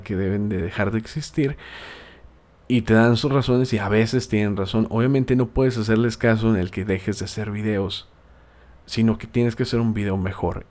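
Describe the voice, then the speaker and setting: A man's voice: on the low side, darkish tone. A man from Tijuana with a Mexican accent, hosting a casual podcast and giving friendly, rambling advice with frequent hesitations. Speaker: podcast host and video maker.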